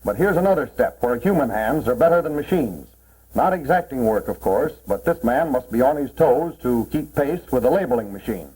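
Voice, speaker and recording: A man's voice: mid-range voice, animated, fairly quick, mellow, slightly rough. A man narrating a 1940s promotional film as a cannery guide, in a plain, instructive mid-century style. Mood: explanatory. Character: cannery man proudly explaining the packing process. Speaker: narrator explaining a cannery tour. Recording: muffled, worn 1940s film soundtrack.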